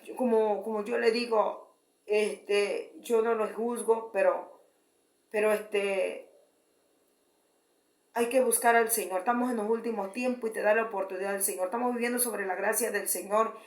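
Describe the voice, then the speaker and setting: A woman's voice: mid-range voice, fairly even intonation. A woman giving a fervent testimony sermon, often repeating her address to the congregation and restarting phrases. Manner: repeats "beloved brethren", halting restarts. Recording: roomy echo.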